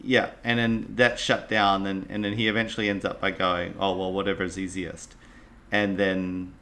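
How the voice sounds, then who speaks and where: A man in relaxed conversation, recounting film scenes with trailing phrases. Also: fairly low pitch, normal speed. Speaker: podcast co-host discussing a film. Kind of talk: casual film discussion.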